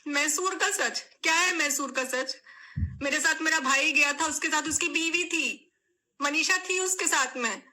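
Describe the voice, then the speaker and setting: Tearful and pleading, a young female vlogger addresses the camera at a measured pace. Her voice is high and very bright, and it breaks as she repeats herself over and over.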